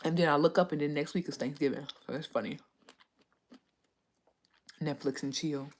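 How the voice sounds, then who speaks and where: A woman with a low-sitting voice hosts a casual livestream at a moderate pace, chatting, rambling, and reading viewer comments aloud as she answers them. She sounds a bit stuffy from a cold, and there's slight background noise.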